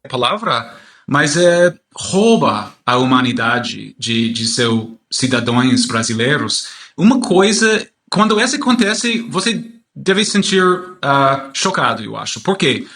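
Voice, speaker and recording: A man from the United States is being interviewed in Portuguese, with a clear American English accent. His voice is bright and he speaks haltingly, searching for words as a native English speaker would. The recording has an echoey room sound. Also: mid-range voice, big pitch swings. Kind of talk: spoken interview.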